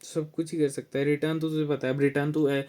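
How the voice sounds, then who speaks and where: A man's voice: a little high, flat delivery, dark tone. Young male peer tutor, casual teasing study chat, tired voice. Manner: chatty, teasing, switches into slow halting reading of English text. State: sore throat, tired. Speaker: student tutoring a friend.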